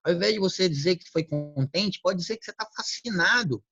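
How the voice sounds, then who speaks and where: A man giving a motivational talk on word choice, acting out quick everyday exchanges. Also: high-pitched, sharp tone, faint music behind. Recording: dull lo-fi recording.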